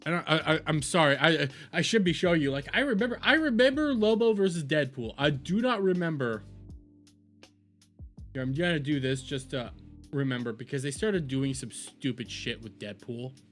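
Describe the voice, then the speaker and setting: Faint music plays as an animated streamer with a slightly high, somewhat bright voice talks at a moderate pace while reacting to videos. He rambles casually, repeats himself, and swears freely.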